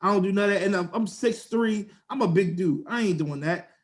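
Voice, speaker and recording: Young male co-host, high voice, animated slangy storyteller. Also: a little fast. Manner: animated storyteller, slangy, acts out quotes in a raised voice. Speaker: podcast co-host. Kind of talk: casual storytelling chat.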